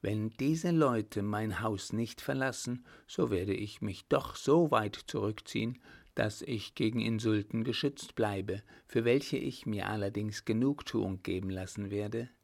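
A scheming baron makes haughty, indignant threats, as a male audiobook reader voices him. The voice is low and gravelly. It is a storybook reading. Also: a little slow, a little mellow.

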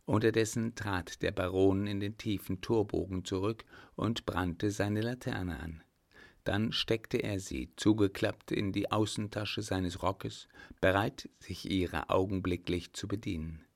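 Gravelly-voiced male audiobook narrator. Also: low-pitched, fairly even intonation, unhurried, no room sound, clean studio sound. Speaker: audiobook reader. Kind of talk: scripted narration.

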